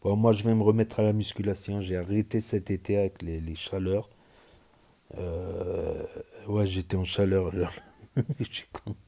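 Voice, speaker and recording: A man's voice: sits low, fairly even intonation, measured pace, vocal fry, warm tone. A man with a southwestern French accent, rambling casually with frequent hesitations as he comments on social media stories. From southern France.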